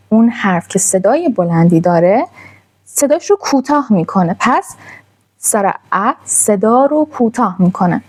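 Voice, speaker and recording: Mellow-voiced woman teaching a language. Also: mid-range voice. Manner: patient, drawn-out demonstration of sounds. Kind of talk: online language lesson.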